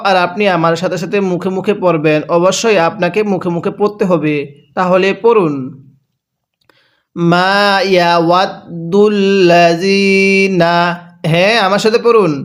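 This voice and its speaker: A man teaching a Quran reading lesson, drawing out recited words slowly and then explaining quickly, patiently asking the listener to read along with him. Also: sits high. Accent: Bangladeshi Bengali. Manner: slow drawn-out chanted recitation alternating with quick spoken explanations; patient and instructive, repeatedly prompting the student to read along. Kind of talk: Quran reading lesson, slow recitation with repeat-after-me drills.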